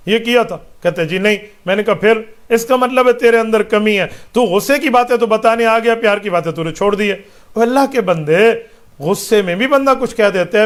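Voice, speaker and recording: High-voiced male preacher, admonishing. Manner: admonishing, with rhetorical questions; recites Arabic verses slowly. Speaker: Islamic scholar answering questions. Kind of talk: religious question-and-answer talk.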